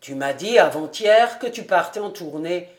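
An amateur audiobook reader voicing a reserved young bachelor who answers quietly and briefly. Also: mid-range voice, animated, moderate pace, close to an everyday voice. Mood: calm. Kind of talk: audiobook character reading.

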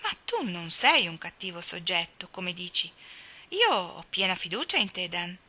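A woman's voice: lowish voice, very animated, moderate pace, sharp tone, heavily acted. A woman reading aloud, voicing a kindly woman who runs a boys' school and encourages a troubled boy. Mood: reassuring. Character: warm, trusting woman running a boys' school.

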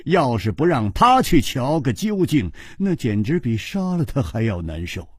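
A man narrating a martial-arts story in traditional Chinese storytelling style, with expressive, dramatic delivery. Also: medium pitch, moderate pace, slightly rough, no echo, clean studio sound.

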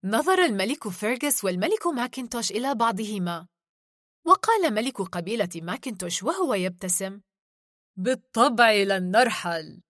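A woman narrating a children's story in an expressive, melodic way. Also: fairly high pitch, a little fast, dry recording, clean studio sound.

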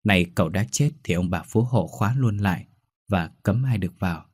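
Male ghost-story narrator, low husky voice, measured reading. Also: darkish tone, no echo, studio quality.

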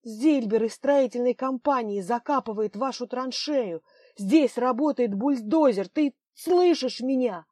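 A woman's voice: fairly high pitch, normal speed, darkish tone, dry recording, voice pushed up, lightly acted. Feisty studio owner, as a woman reads her. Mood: agitated. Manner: urgent, indignant. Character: determined female seamstress studio owner, feisty.

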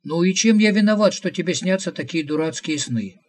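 A man's voice: high voice, lively intonation, brisk, voice pushed up. A man voicing an exasperated male demiurge, speaking in a raised, protesting, flustered way. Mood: indignant.

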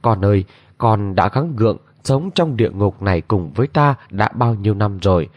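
A man voicing an aging noble lady who laments old guilt in long, drawn-out cries, on a dull lo-fi recording. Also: on the low side, animated, no echo. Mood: sorrowful.

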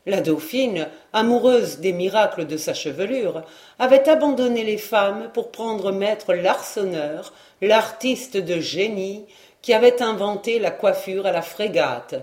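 A woman reads a classic novel aloud, measured and expressive. Her voice sits at a middle pitch. The recording has a roomy echo. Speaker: audiobook narrator. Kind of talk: scripted narration of a classic novel.

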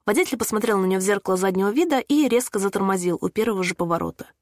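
A woman reading a storybook chapter aloud in a measured, even narration. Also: mid-range voice, no echo, clean studio sound. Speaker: audiobook narrator. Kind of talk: scripted narration.

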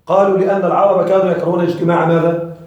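A man's voice: high-pitched, level tone, very fast, lo-fi sound. A man teaching an Arabic grammar lesson to a class, explaining patiently and often checking that his students follow. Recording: echoey classroom from far off.

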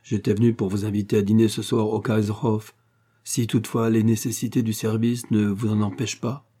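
A man's voice: fairly low pitch, level tone, a little fast, warm tone, lightly acted. A man voicing a courteous, genteel male English lord in an audiobook reading. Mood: polite.

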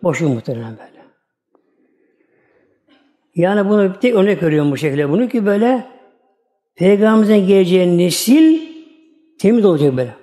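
A man's voice: sits high, big pitch swings, quick pace, pauses often, warm tone. A man, a religious teacher, giving a storytelling religious talk in a folksy, repetitive way.

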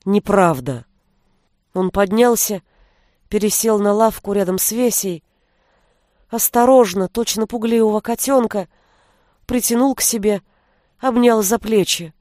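A woman reading an audiobook aloud in an even, measured storytelling manner. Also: medium pitch, no room sound, clean studio sound. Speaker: narrator. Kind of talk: audiobook narration.

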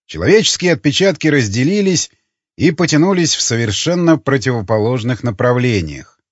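Husky, expressive male audiobook narrator. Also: medium pitch, brisk, no room sound, muffled recording. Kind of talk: scripted narration.

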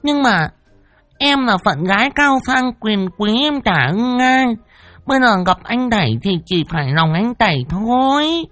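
A shrill, brazen madwoman, put on by a male storyteller. She wheedles and coos at a very high pitch, and the tune swings all over. The dry, close recording has soft music underneath. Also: big pitch swings, measured pace, dry recording, exaggerated voice. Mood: wheedling. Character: unkempt, lovesick madwoman, brazen, coy.

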